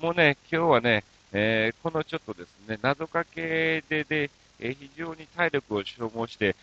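A man's voice: a little high, normal speed, bright, forceful tone, muffled recording. A man hosting a radio show, chatting casually and joking at his own expense, mixing Kansai dialect with standard Tokyo speech. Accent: Kansai mixed with standard Tokyo speech. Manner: playful, self-mocking comic banter. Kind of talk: casual radio talk reading listener mail.

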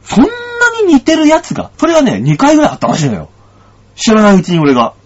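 A man's voice: high-pitched, fast talker. A man hosting a radio show as a comedian, telling a story in casual chat and acting out the dialogue. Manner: animated storytelling, acts out dialogue. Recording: dull lo-fi sound.

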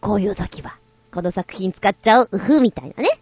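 A woman's voice: medium pitch, fairly quick, a little mellow, breathy edge, no room sound. A woman hosting a show and coaching drama, chatting playfully with light self-mocking asides. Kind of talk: casual chat.

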